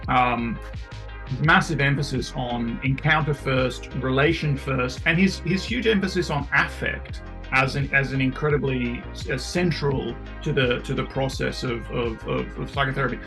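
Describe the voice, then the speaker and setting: An earnest man with a gravelly, creaky voice presses his points with real emphasis, sometimes restarting a phrase. Faint music sits behind him. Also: medium pitch, normal speed, fairly bright tone, low-quality recording. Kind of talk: casual philosophical discussion.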